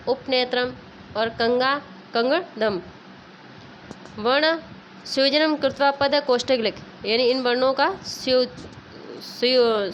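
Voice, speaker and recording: A woman teacher explaining a vocabulary lesson to schoolchildren slowly and patiently, spelling out words sound by sound. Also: high voice, a bit bright. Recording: dull lo-fi recording with faint noise.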